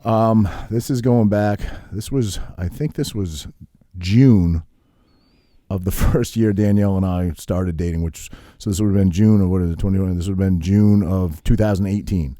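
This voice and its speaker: A man's voice: sits low, moderate pace, dark tone, no echo, studio quality. A man in his thirties co-hosting a podcast, telling stories in a casual, profane way and laughing at himself. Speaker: podcast co-host.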